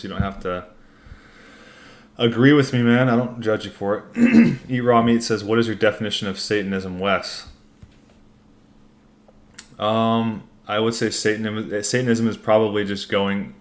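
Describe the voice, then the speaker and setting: In a casual livestream Q&A, a man with a lowish voice reads out comments and answers them in a laid-back, informal, rambling style.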